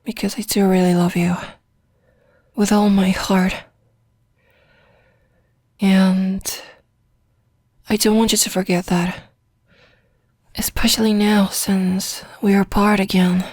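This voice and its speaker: Woman for ASMR role-play, sleepy long-distance girlfriend: tender, drowsy, rambling, flat gentle intonation, very dry close sound. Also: medium pitch, no room sound. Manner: soft, drowsy, intimate, rambling with pauses.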